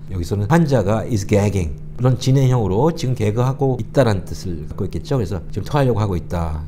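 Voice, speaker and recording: A man's voice: lowish voice, mellow, slight background noise. A man teaching English phrases in a patient explanatory lesson, repeating lines for learners to copy. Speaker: English tutor.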